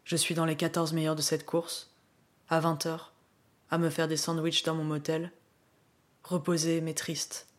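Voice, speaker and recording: A woman's voice: low-pitched, flat delivery, a little slow, pauses often. A woman reading her own race diary as a subdued, weary, reflective first-person voice-over.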